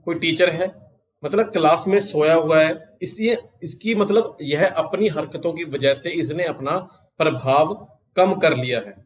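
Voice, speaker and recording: Indian guy teaching vocab, a bit high voice, slow and drawn out, says the english bits twice. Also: low-quality recording. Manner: explains in Hindi, reads English phrases slowly and repeats them. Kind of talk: recorded exam-prep lesson.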